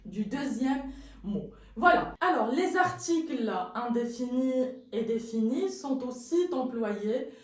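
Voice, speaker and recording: A woman's voice: a little high, animated, slow pace. A woman teaching a French grammar lesson, patiently repeating each word for learners and often correcting herself. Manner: self-correcting, says pardon often. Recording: very echoey room, mic far off.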